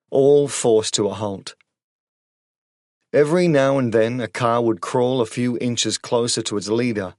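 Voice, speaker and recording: A man narrating a horror audiobook in a measured, suspenseful storytelling manner on a close studio microphone. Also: mid-range voice, darkish tone, no echo.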